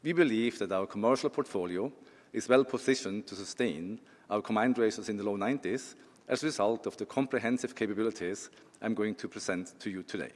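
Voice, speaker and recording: A Swiss insurance executive with a Swiss accent gives a corporate presentation, adding some dry humor and a few filler words. His voice is fairly low and a little fast, and the recording has a long hall reverb.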